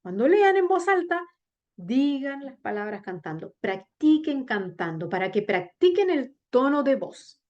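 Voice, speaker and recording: Woman teacher coaching public speaking. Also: very animated. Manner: addresses students directly with frequent "¿bien?" check-ins; exaggerated pitch swings and slow, sung-out demo readings. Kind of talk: recorded class on public speaking. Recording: dull lo-fi recording.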